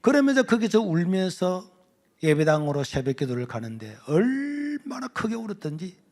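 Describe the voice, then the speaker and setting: A man, a guest pastor giving an emotional personal testimony in a sermon. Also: fairly high pitch. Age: 60s. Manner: emotional storytelling, swinging between hushed and loud.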